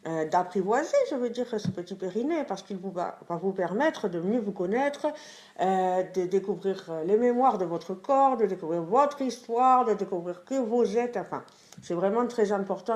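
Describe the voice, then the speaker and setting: A woman delivers a comic monologue as a reporter sharing the results of her street survey. She talks in a chatty, mock-earnest way, and her lines are full of small hesitant fillers. Her voice sits at an ordinary middle pitch. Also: a little mellow. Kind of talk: comedy sketch monologue.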